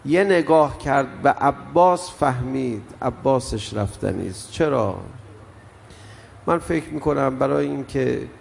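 Gravelly older man preaching in a hall. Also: mid-range voice. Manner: storytelling, swells and drops in intensity. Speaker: preacher reciting mourning elegy. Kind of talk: emotional mourning sermon. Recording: long hall reverb, faint background noise.

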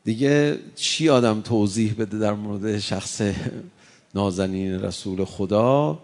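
A man preaching a sermon, reciting Arabic verses and swinging between hushed, intimate passages and impassioned rises. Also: fairly low pitch.

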